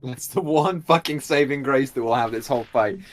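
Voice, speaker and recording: A man's voice: mid-range voice, fairly quick. A man playing a tabletop role-play game, chatting casually with some swearing.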